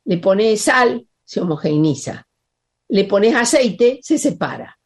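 Husky, animated woman teaching. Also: mid-range voice, takes it slowly. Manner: emphatic, dwells on words and repeats them. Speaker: spiritual teacher. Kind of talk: spiritual talk.

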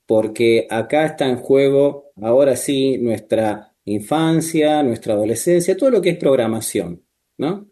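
A man working as a therapist, explaining calmly and measuredly with frequent tag questions. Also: medium pitch. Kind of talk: calm explanatory talk.

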